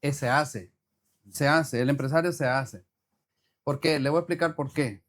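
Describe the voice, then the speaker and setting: The man being interviewed as an entrepreneur has a fairly high, fairly bright voice at normal speed. He speaks sincerely, repeats lines for emphasis and quotes scripture, giving the relaxed exchange a sermonizing touch.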